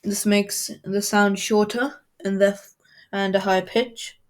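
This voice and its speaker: A woman as a coding tutor, explaining a software tool step by step in a screen-recorded tutorial. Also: medium pitch, steady tone, measured pace, heavy background noise.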